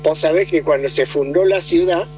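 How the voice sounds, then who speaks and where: A man's voice: a little high, moderate pace, darkish tone, slight background noise, low-quality recording. A man, explaining politics conversationally, with many hesitations and restarts. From Argentina. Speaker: political commentator.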